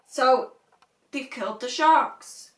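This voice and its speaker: A woman's voice: sits high, slow, a bit bright. Podcast co-host, woman, wry and questioning; echoey room. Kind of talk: casual chat. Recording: roomy, from a distance.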